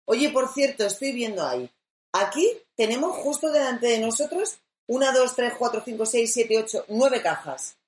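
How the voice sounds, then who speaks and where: A woman's voice: fairly high pitch, lively intonation, normal speed, roomy sound. A woman co-hosting a casual chat, opinionated and teasing as she talks. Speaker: co-host. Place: small room at home.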